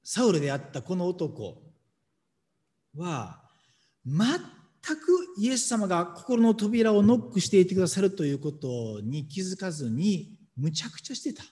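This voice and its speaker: Animated preaching man in a reverberant hall. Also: sits high. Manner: animated, emphatic preaching with dramatic pauses. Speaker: pastor. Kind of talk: sermon with scripture reading.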